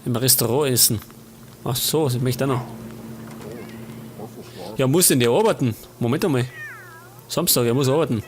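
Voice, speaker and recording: A man's voice: mid-range voice, moderate pace, long pauses, darkish tone, a little hiss or hum. A man with a Bavarian accent casually commenting on a life-sim game as a let's play host, chatting and grumbling at the characters.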